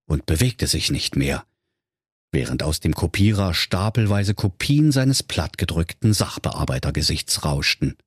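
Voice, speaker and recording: Animated male fairy-tale storyteller. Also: low-pitched, breathy edge, dry recording, studio quality. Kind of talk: comic fairy-tale narration for children.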